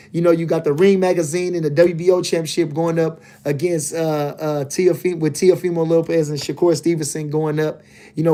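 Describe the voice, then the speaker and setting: Casting note: male streamer, slightly higher voice, loose rambling fight talk. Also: darkish tone. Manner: laid-back, loose and rambling, lots of "you know what I'm saying". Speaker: livestream host, boxing commentator. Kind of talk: casual livestream chat reading comments.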